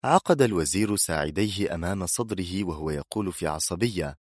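Very deep-voiced male audiobook narrator. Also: a little fast, no room sound, clean studio sound. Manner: dramatic, expressive storytelling.

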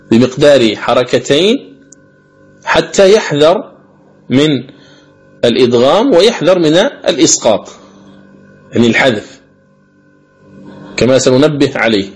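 A man teaching the rules of Quran recitation in a recorded lecture, explaining patiently, repeating key phrases and drawing out the recited examples slowly. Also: mid-range voice, husky, poor audio. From Algeria.

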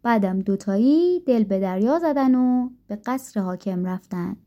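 A woman narrating a folk tale in a calm, gentle storytelling manner. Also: mid-range voice. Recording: dull lo-fi recording.

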